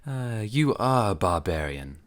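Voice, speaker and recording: A cool, worldly young noblewoman, read by a man, calm and knowing as she tells of terrible things. The voice stays low and unhurried, in audiobook narration. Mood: ominous. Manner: calm, matter-of-fact storytelling of dread. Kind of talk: audiobook character voice.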